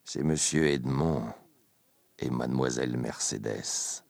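Heartbroken jealous fisherman, muffled and quiet, read by a deep-voiced man. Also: drawn-out words, creaky, no room sound, full character voice. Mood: sullen.

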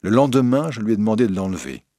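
A man's voice: lowish voice, big pitch swings, fast talker, mellow, no room sound, studio quality. A man voicing a frightened, earnest young woman singer in a read-aloud storybook, with a raised, breathless pleading tone. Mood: confiding. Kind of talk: audiobook reading.

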